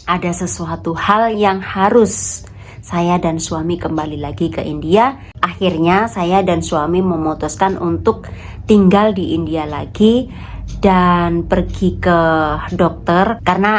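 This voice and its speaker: Talking to her viewers as friends, this home vlogger, an Indonesian woman in her thirties, keeps things chatty and casual despite a cold that leaves her nose stuffy and congested. Her voice is on the low side, with slight noise in the background.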